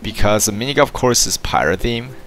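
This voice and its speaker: A man's voice: medium pitch, expressive, a little fast, fairly bright tone, soft background music. A man playing a dating game, casually reading its text aloud and stumbling over words now and then. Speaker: let's play gamer.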